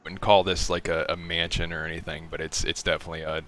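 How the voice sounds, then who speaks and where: A deep-voiced man runs a tabletop game as game master in a laid-back, filler-heavy way. His tone is bright and crisp, with soft piano music in the background. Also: flat delivery, fast talker. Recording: faint piano music behind.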